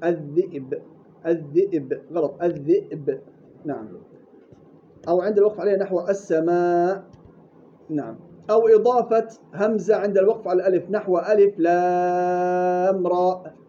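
A man's voice: high voice, fairly even intonation, dark tone. Dull-sounding man teaching tajweed. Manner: demonstrates words slowly, corrects mistakes curtly. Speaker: Quran recitation teacher. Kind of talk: tajweed lesson with drills and reading aloud. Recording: dull lo-fi recording with faint hiss.

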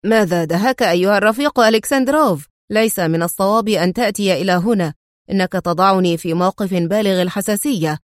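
A woman's voice: mid-range voice, fast talker, no echo, clean studio sound, close to an everyday voice. A woman voicing a nervous, cowardly male police inspector in a storybook reading, jittery and pleading.

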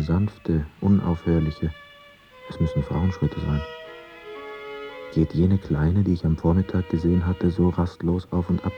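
An actor narrating in first person as a young man back from war captivity, in a calm, reflective radio drama telling. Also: extremely low pitch, breathy edge, full character voice. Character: male narrator Gabriel, a returned soldier. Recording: slightly dull radio studio recording.

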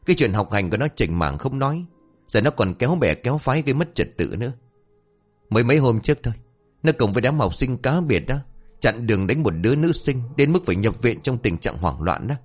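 Nagging middle-aged wife, sharp tongue; male storyteller doing the voice. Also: mid-range voice, very animated, fairly quick, soft background music. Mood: scolding. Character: irritable middle-aged woman, scolding wife.

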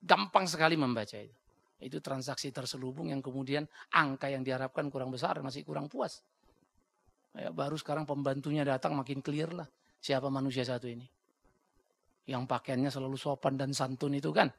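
A man's voice: medium pitch, fairly even intonation, a little fast, gravelly, fairly bright tone, slightly rough, no room sound. A man preaching a sermon bluntly and with energy, acting out the voices he quotes and dropping English words into his talk. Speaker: pastor.

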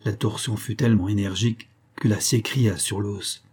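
A man narrating an adventure novel as an audiobook, in a measured, dramatic way. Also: lowish voice, steady tone, a little mellow, slightly rough.

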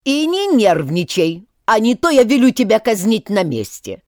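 A woman voicing a stern, threatening king who barks orders loudly. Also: on the high side, sing-song, moderate pace, no room sound, clean studio sound, pitched above the performer's own voice. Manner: loud, blustering commands.

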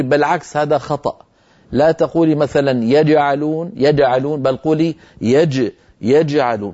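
Syrian man teaching Quran recitation, mellow voice. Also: fairly high pitch. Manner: demonstrates letter sounds slowly and syllable by syllable. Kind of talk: televised Quran recitation lesson. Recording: muffled broadcast audio.

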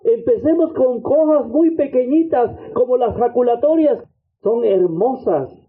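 A missionary preaches a fervent sermon, leading the congregation in repeated prayer invocations while his pitch swings between low and high. He sounds animated, with a breathy edge and a measured pace, on tinny, phone-like audio.

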